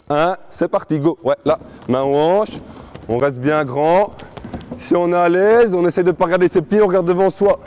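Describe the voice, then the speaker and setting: A man's voice: a little high, darkish tone, slight background noise. A man coaching a live workout, calling out instructions, encouragement and countdowns of reps and seconds. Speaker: youth fitness coach.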